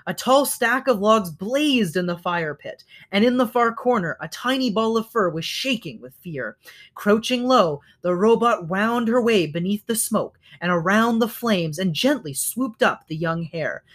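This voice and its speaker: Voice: medium pitch, expressive, measured pace, fairly bright tone. A reader reading a children's novel aloud, now and then stopping to correct slips.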